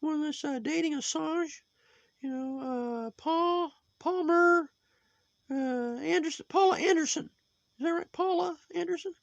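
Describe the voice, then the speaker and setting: A man voicing a preachy, judgmental male sock puppet in a high put-on voice, lecturing and moralizing as he rambles. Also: measured pace, gravelly, dry recording, lo-fi sound, heavily acted.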